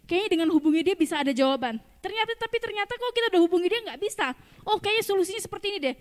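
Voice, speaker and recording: A woman's voice: very high voice, animated, rapid-fire. A woman pastor giving a conversational sermon, often asking the congregation questions. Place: church hall. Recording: long church hall reverb.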